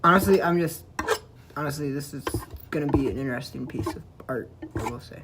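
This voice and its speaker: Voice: mid-range voice, brisk, heavy background noise. Casual painting streamer chatting to themself. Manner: rambling, self-talk while working. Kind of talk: casual chat while painting.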